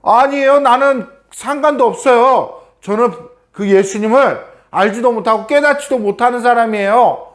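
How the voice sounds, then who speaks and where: Peter, an earnest adult disciple, high-pitched and loud, protesting hard, voiced by a man telling a children's Bible story. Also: expressive, moderate pace, natural voice. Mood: flustered denial. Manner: pleading, insistent protests.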